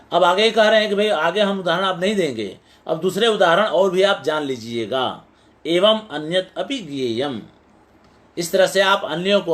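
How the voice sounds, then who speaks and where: An older man teaching Sanskrit poetics in a recorded lecture, explaining slowly, repeating his points and checking that his listeners follow. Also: high-pitched, a bit bright.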